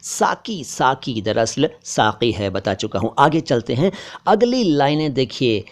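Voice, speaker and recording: Male language teacher; patient, repeats each word slowly and clearly with stress. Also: medium pitch, animated. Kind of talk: explaining song lyrics and pronunciation.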